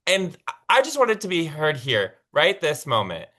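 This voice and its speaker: A man co-hosting a casual podcast, chatty and excitable, with plenty of fillers. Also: on the high side, moderate pace. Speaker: podcast co-host. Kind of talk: casual chat.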